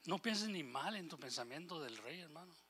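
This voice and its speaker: Impassioned bright-voiced male preacher. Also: fairly high pitch, expressive, normal speed, husky. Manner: impassioned, rising and falling in volume, quotes scripture and God's voice; switches briefly into English phrases. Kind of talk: Spanish-language sermon.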